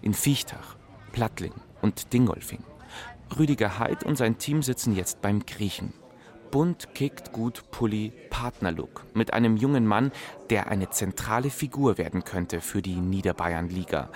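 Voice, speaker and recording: A man reading scripted documentary narration in a measured, even way. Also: fairly low pitch. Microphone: dry studio voice-over.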